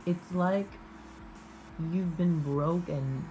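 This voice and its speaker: A woman giving an improvised, intimate tarot reading in a halting, musing manner with drawn-out pauses. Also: fairly low pitch, mellow, soft background music, rough recording. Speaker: tarot reader.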